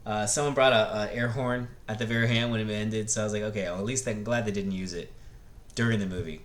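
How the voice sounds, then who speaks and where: A middle-aged vlogger reviewing movies speaks with a lowish voice and fairly even intonation. His opinions come out casual and rambling, blunt and profane, broken up by repeated false starts and fresh restarts.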